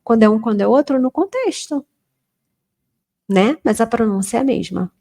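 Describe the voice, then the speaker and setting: A Portuguese-speaking woman gives a relaxed, chatty English lesson for beginners and drags out each example sentence slowly and clearly. Her voice sits a little high, has a mellow, darker tone, and carries a steady gravelly fry. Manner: chatty, informal, slows down to model English sentences. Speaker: English teacher.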